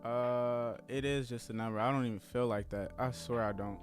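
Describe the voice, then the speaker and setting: A man's voice: medium pitch, steady tone, moderate pace, faint music behind. A man who has just turned thirty, chatting casually with viewers during a live trading stream in a laid-back, rambling way. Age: 30s.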